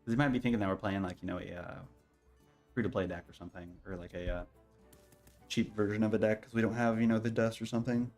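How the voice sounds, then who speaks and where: A man giving casual, low-key gameplay commentary, thinking aloud as he plays. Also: fairly even intonation, fast talker, a little mellow. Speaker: streamer playing a card game. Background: faint game music.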